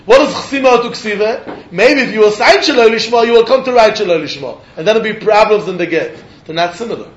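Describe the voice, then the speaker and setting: A man's voice: high voice, expressive, quick pace, muffled recording. A man with a Yiddish accent teaching a religious text lesson in a sing-song pattern of questions and answers. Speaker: Talmud teacher. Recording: echoey room.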